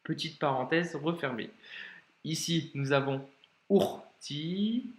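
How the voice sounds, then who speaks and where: A man teaching Arabic reading in an informal video lesson, speaking directly and encouragingly to the learner and slowly sounding out each word. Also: on the high side, echoey room. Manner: slows down to sound out words carefully.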